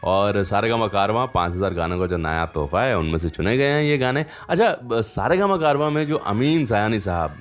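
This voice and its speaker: This radio host is a man whose voice sits on the low side, and the recording carries a little hiss or hum. Between songs he talks to his listeners in a relaxed way, spinning anecdotes and frequently going off on asides.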